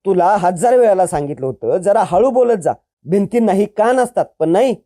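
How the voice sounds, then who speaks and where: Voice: mid-range voice, expressive, moderate pace, dark tone, lightly acted. Brief: villain's wife in a retold serial, nagging and pleading, storyteller voicing her. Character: scheming woman, villain's accomplice.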